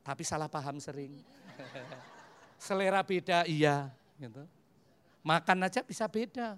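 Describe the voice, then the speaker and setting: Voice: mid-range voice, unhurried, smooth. Preacher, fifties, Javanese accent; humorous storytelling sermon, acts out dialogues, mixes in English. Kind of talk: humorous sermon with personal stories.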